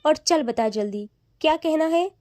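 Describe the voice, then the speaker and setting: A woman's voice: high voice, animated, moderate pace, darkish tone, no room sound, studio quality. A woman doing a bossy, teasing newlywed.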